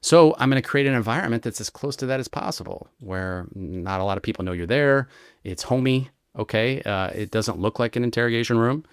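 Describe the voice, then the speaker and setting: A man, a retired American federal agent, explaining his methods in an interview with lively examples and frequent "right?" checks. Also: mid-range voice, a little fast, clear, resonant tone, no echo, studio quality. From United States. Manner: animated storyteller, explains with examples and rhetorical "right?". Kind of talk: conversational explanation.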